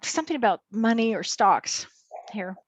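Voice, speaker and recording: A woman's voice: mid-range voice, normal speed, dry recording, low-quality recording. A woman working as a psychic medium, relaying messages hesitantly in short, restarting phrases. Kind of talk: live mediumship reading.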